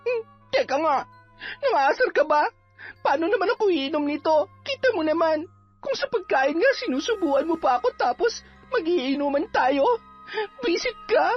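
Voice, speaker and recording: A woman voicing a fiery young sorceress, very high. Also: expressive, normal speed. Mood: scornful. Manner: sharp-tongued, scolding, defiant. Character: bitter, hot-tempered young female sorceress on the run. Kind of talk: Filipino audio drama acting. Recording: dull lo-fi with faint music.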